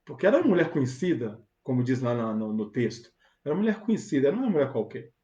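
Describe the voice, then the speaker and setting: A man's voice: medium pitch, big pitch swings, fast talker, dark tone. A man with a Brazilian Portuguese accent preaching a sermon as pastor, fervent and emphatic, with rhetorical questions. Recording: roomy, dull lo-fi sound.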